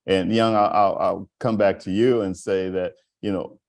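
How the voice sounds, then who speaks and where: A man's voice: sits low, steady tone, moderate pace, vocal fry. A man moderating a panel discussion, encouraging his guests and stumbling over repeated words as he frames questions. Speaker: host, moderator.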